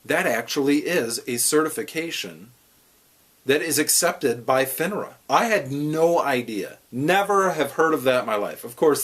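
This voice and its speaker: An American man hosting a trading show, telling a story in a casual monologue, jokey and animated, breaking into laughter. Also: mid-range voice.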